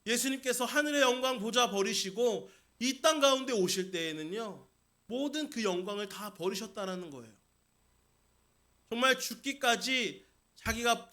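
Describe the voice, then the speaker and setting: Here a man preaches as senior pastor at a Sunday service, his voice sitting high with a bright, forceful tone. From the church sanctuary he talks emphatically to the congregation, directly addressing them and repeating key phrases.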